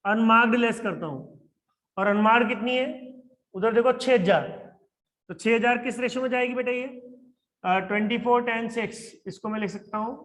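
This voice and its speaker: High-voiced man teaching accounting. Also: fairly bright tone. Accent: Indian English. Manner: asks students quick checking questions; repeats English phrases slowly while reading a question. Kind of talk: classroom lecture.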